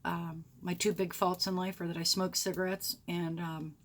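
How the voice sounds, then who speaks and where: A woman's voice: fairly low pitch, flat delivery, moderate pace. A middle-aged woman speaks in a groggy voice, as if nursing a sore throat. Her delivery is casual and unscripted, a frank, rambling chat addressed straight to followers. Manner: frank, chatty, rambling self-description. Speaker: homesteading blogger introducing themself.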